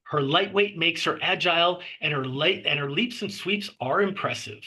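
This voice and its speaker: At a table read, a man narrates a screenplay by reading the stage directions aloud. He speaks at a normal speed in a fairly high voice with a bright, forceful edge.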